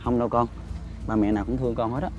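A man playing a kind young delivery man in a short film, speaking gently and reassuringly, with music behind. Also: medium pitch, steady tone, racing, dull audio, lightly acted. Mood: gentle.

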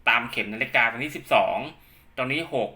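An instructor demonstrating equipment speaks briskly in a mid-range voice that sounds pushed and bright. He gives a casual hands-on tutorial step by step, repeatedly using polite particles as he explains.

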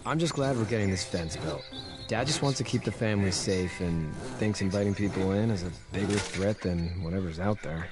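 An actor playing a shaken young survivor working on a farm fence, who talks in an earnest, troubled, confiding way. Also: male voice, low voice, a little fast, music in the background, close to an everyday voice. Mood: friendly.

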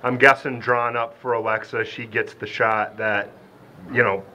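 A man interviewing a coach and players after a basketball game, asking brisk leading questions. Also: medium pitch, level tone, bright, forceful tone, lo-fi sound, a little hiss or hum. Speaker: sports interviewer.

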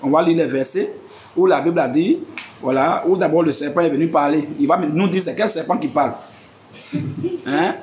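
A man's voice: fairly high pitch, lively intonation, moderate pace, darkish tone, slight background noise. A man hosts a live religious debate, asking rhetorical questions and repeating "hein". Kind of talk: live stream preaching to followers.

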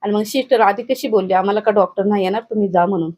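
A middle-aged woman speaks in a news interview. Her voice is mellow and dark at an ordinary pitch. She recounts events in detail, grieving and urgent. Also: racing. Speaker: bereaved grandmother interviewed.

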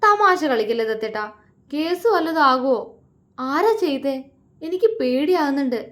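A woman's voice: on the high side, normal speed, warm tone, lightly acted. A woman voicing an anxious young woman in love, pleading and fearful in a romance story. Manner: fretful and pleading.

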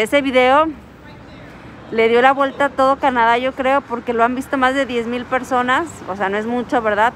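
A Mexican woman with a fairly high voice tells a story into her phone camera while she waits outdoors at a bus stop. She is animated and acts out each line of dialogue. Faint street and traffic noise sits behind her. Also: rough recording. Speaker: vlogger. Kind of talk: casual storytelling vlog.

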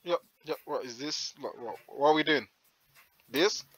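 A man's voice: a little high, moderate pace, fairly bright tone, slight background noise. A young man from Zimbabwe on a headset in a small room, teasing a stranger in casual video chat, stammering and swearing often.

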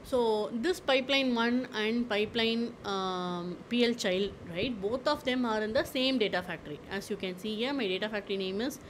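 A woman presenting a screen-recorded software tutorial, explaining step by step with frequent fillers and repeated "okay"s. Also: on the high side, normal speed, hardly any pauses, slight background noise, poor audio.

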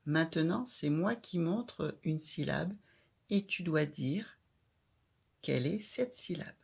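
Slow, creaky-voiced woman teaching syllables. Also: low-pitched, lively intonation. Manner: slow, clear, stressing each syllable loudly. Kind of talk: children's reading lesson.

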